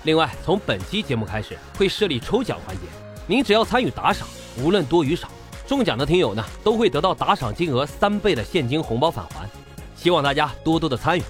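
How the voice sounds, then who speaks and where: A man's voice: a little high, very animated, fast, faint music behind. A man hosting as a true crime narrator, telling a scripted story in a colloquial storyteller's way with rhetorical questions. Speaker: true crime podcast host.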